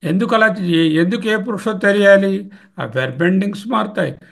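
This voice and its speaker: A man's voice: sits high, normal speed, vocal fry. A man teaching Sanskrit grammar, listing forms and explaining them in mixed with English terms. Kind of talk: grammar lecture.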